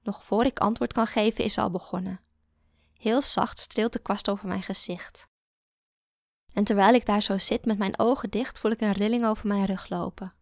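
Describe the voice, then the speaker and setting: A woman narrating a first-person story in a calm, even storytelling manner. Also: mid-range voice, normal speed, no echo, clean studio sound. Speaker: audiobook narrator.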